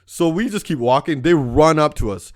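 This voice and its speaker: A man's voice: on the high side, lively intonation, moderate pace. A man from Canada hosting a podcast, telling stories in a casual, profane, rambling monologue. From Surrey, Canada. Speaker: podcast host.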